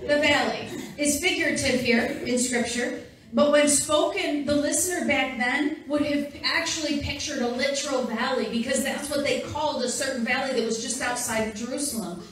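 A woman's voice: high voice, moderate pace, fairly bright tone, slight background noise. A woman pastor delivering a conversational sermon to her congregation, speaking directly and playfully to the listeners. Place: church sanctuary. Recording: very echoey, distant church hall recording.

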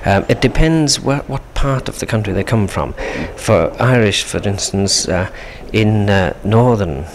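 A Manx language expert from the Isle of Man guests on a 1970s radio interview in a studio, the tape carrying a faint hiss. His voice is lowish with lively intonation and a slightly slow pace, and he explains steadily and patiently.

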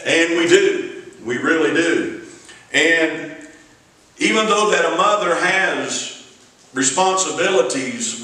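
A middle-aged man with a Southern US accent, slightly high-voiced and sharp-toned, preaches an evening sermon as an evangelist. He spins folksy stories with long, drawn-out phrasing. The pulpit mic is captured by a distant camera, so the small sanctuary rings with echo.

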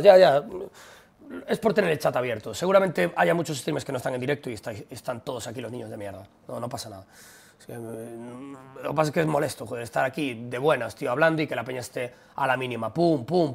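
A man's voice: medium pitch, fast, creaky, a little mellow, slightly rough. A young man with a Spanish accent from Spain, ranting bluntly and profanely at his live-stream chat.

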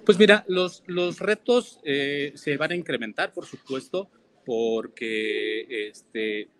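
A man answering interview questions in a measured way, listing points and repeating himself. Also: medium pitch, fairly bright tone, no room sound. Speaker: interview guest, former local official.

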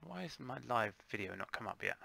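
A man's voice: medium pitch, sing-song, fairly quick, gravelly, pushed and bright, a little hiss or hum. A man chatting casually with friends while setting up his game stream. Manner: distracted, sorting out his broadcast. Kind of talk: casual gaming chat.

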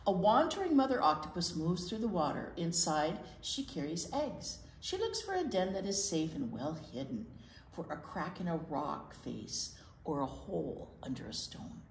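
A sing-song woman in her sixties, her voice on the low side and her speed normal, talks and reads aloud at a children's storytime in a library children's room. She's expressive, emphatically repeating key words during the casual session. The recording has a slight echo and faint noise.

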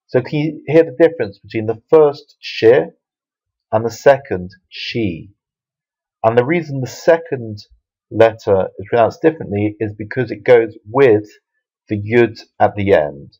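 A man with a lowish voice teaches Bible Hebrew letter by letter. He explains patiently, restarting phrases and filling pauses. The recording sounds dull and lo-fi. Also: a little mellow. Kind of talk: video lesson. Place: Jerusalem.

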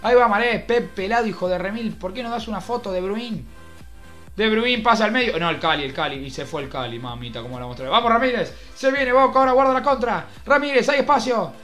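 A young man with an Argentine Spanish accent, doing mock football commentary over a video game, swinging between shouted play-by-play and muttered grumbling. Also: high-pitched, brisk, soft background music. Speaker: gaming youtuber.

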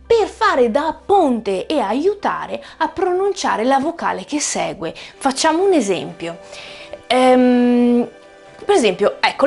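A woman, a native Italian speaker, teaching an English pronunciation lesson in a lively, explanatory way, slowing down to stretch and repeat example words. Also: on the high side, vocal fry, slightly rough.

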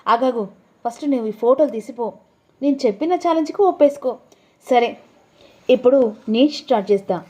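A woman's voice: sits high, a little fast, pauses often, mellow. A woman doing a curt, impatient husband. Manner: curt, demanding, clipped questions. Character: stern, impatient young husband.

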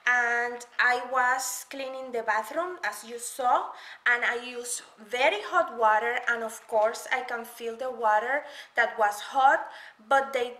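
A woman with a high, bright, pushed voice reviews household gloves at home, chatting casually and demonstrating them while she explains. The room is echoey, with faint noise.

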